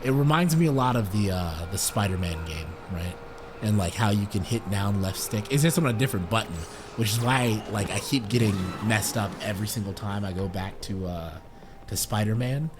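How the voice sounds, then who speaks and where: A man's voice: on the low side, moderate pace, noisy background. A man streaming a video game, chatting casually and joking about himself, swearing freely as he plays. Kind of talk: casual let's-play commentary. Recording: game music playing behind.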